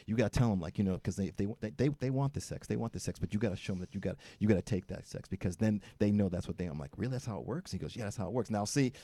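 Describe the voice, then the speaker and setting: A man's voice: fairly low pitch, rapid-fire, hardly any pauses, warm tone, no room sound. Man telling candid stories, dry mic. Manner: candid storytelling, acts out quoted voices. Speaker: co-host. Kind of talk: casual chat. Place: studio.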